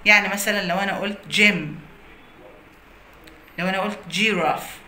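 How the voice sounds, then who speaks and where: A woman's voice: mid-range voice, moderate pace, pushed and bright. A woman with an Egyptian Arabic accent teaching an English pronunciation lesson, explaining phonics rules through many example words. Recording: echoey room with faint noise.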